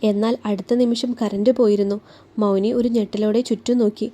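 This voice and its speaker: Mellow woman reading a love story. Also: mid-range voice, little pitch movement, a little fast. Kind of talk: scripted narration.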